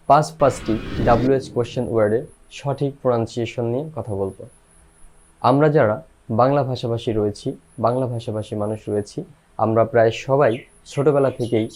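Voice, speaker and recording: Male language teacher, mid-pitched voice, patient repetitive drilling of each word. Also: a little mellow. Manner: repeats and drills each word, spells letters out. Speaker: English teacher. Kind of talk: pronunciation lesson.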